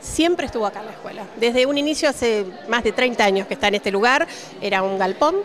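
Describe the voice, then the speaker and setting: A woman's voice: on the high side, fairly quick. A middle-aged woman from Cipolletti with an Argentine accent, a ceramics teacher answering interview questions with many "eh" fillers into a handheld mic indoors. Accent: Argentine Spanish. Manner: warm-hearted, many "eh" fillers. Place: indoor exhibition hall. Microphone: handheld reporter mic.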